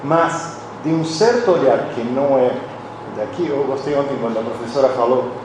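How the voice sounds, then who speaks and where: A man's voice: mid-range voice, moderate pace. A middle-aged man from Argentina, a Spanish speaker giving a personal, reflective academic lecture at a university conference and often restarting his phrases. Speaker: conference speaker, philosophy professor. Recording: very echoey hall, voice from a distance, audible background noise.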